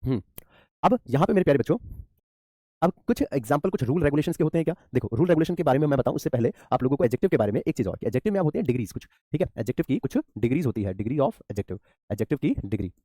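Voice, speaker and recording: Male English teacher, rapid-fire delivery, mellow tone, quizzes students and answers himself. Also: mid-range voice, animated, no echo, clean studio sound. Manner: addresses students as beta, asks and answers his own questions. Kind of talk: online grammar class.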